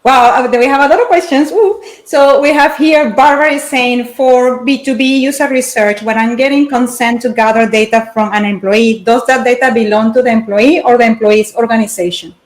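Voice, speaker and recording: A woman's voice: a little high, normal speed, hardly any pauses, echoey room. A woman hosting a webinar, reading out questions from the audience in an upbeat way. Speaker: webinar host.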